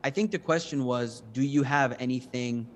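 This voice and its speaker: Fielding questions from judges, a start-up presenter whose first language is English explains his points with confidence. He has a mid-range voice at normal speed, recorded in a space with long hall reverb.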